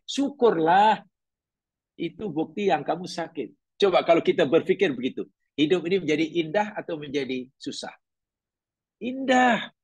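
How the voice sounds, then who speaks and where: A man's voice: fairly high pitch, breathy edge, dry recording. A middle-aged man teaching a religious class, talking conversationally, asking his listeners questions and telling stories. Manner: conversational, questioning the audience, storytelling.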